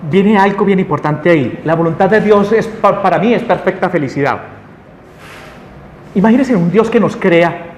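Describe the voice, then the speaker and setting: A man teaching a spiritual lesson to a group, animated, often asking the audience questions. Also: on the high side. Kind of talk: lecture to a group. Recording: echoey room with long reverb, faint noise.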